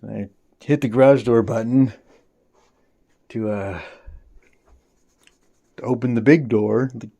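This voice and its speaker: A man's voice: mid-range voice, steady tone, takes it slowly, creaky, pauses often, mellow, slightly rough. A man vlogging, telling a rambling story in casual talk and swearing often.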